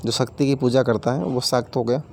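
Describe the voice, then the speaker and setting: A man's voice: mid-range voice, steady tone, fairly quick, creaky, darkish tone, slight background noise. Man teaching a patient grammar lesson. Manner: explains each word with everyday examples, repeats terms; addresses viewers as friends.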